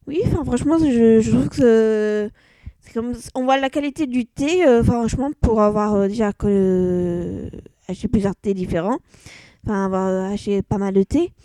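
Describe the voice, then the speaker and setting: Woman, casual vlog, halting delivery, dry close sound. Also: a little high, warm tone, no room sound. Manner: hesitant, many fillers and restarts. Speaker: vlogger. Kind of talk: casual product review vlog.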